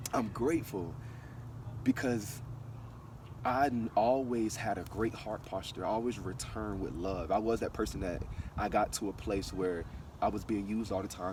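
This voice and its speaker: A man from Florida shares a personal spiritual testimony in an emphatic, repetitive way, often asking if you get what he's saying. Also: mid-range voice. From Broward County, Florida. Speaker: spiritual vlogger. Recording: distant mic with faint street noise.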